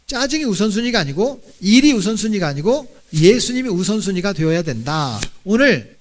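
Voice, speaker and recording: A man's voice: sits high, sing-song, fairly quick. A middle-aged male pastor giving a sermon, telling the story with animation, acting out voices and asking the congregation questions. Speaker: senior pastor.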